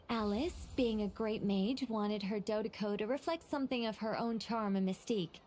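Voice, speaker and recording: A woman's voice: fairly high pitch, a little mellow, slight background noise, lightly acted. A woman voicing a wordy, exacting magician in a video game, formal, articulate and haughty. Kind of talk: anime-style video game character acting. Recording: music behind voice.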